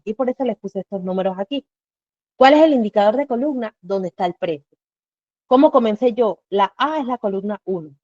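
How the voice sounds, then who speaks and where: A woman's voice: fairly high pitch, warm tone, dry recording. A woman giving a live online Excel class, explaining step by step and asking herself rhetorical questions as she goes. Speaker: Excel instructor. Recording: dull lo-fi dry recording.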